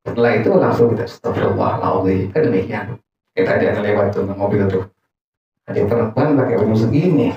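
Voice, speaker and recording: A man's voice: fairly low pitch, quick pace, dark tone. A man teaching an informal religious study class, joking and quizzing his audience with questions. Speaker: Islamic teacher. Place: gathering room with an audience. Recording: echoey room, distant, dull mic.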